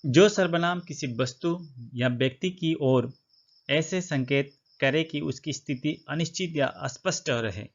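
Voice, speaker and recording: A man's voice: on the high side, a little slow. A man teaching a Hindi grammar lesson, explaining step by step and asking his own questions before answering them. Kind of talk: classroom-style grammar lesson. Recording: slightly dull lo-fi recording.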